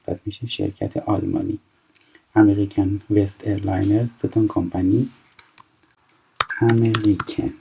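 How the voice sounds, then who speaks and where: A man in his twenties from Iran teaching a recorded French lesson, explaining step by step and reading French phrases slowly before translating them. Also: fairly low pitch, animated, vocal fry, warm tone, slight background noise, rough recording. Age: 20s.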